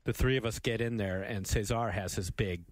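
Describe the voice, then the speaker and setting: A man's voice: on the low side, moderate pace, no room sound. A man hosting a casual podcast chat, telling a story with lots of laughs. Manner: animated storyteller, laughs often. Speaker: podcast host.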